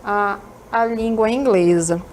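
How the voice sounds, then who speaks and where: A woman's voice: medium pitch, slow, a little mellow, a little hiss or hum. A woman English teacher with a northern Brazilian accent, giving a recorded classroom lesson and often checking in with tag questions. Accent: northern Brazilian, Amazonas. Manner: peppers talk with tag questions to students.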